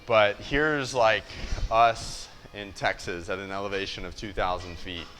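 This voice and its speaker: A young American fitness coach, with a slightly low but fairly bright voice, presents bluntly and conversationally, as if at a whiteboard, often checking in with the listener. His tone is steady and his pace measured. The audio is poor, with light gym noise around him.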